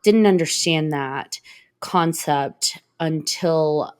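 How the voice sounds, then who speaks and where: A woman's voice: low-pitched, extremely slow, clean tone. A young woman hosting a podcast, chatting casually and asking questions in an upbeat way, laughing often. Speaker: podcast host. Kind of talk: casual interview chat.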